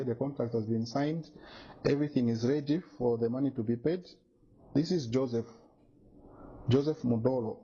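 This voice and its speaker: A Zambian businessman with a husky, low, warm voice makes an insistent, aggrieved complaint. Indignant, he keeps repeating his points in an emphatic accusatory statement to the media, captured on a dull, muffled lo-fi recording.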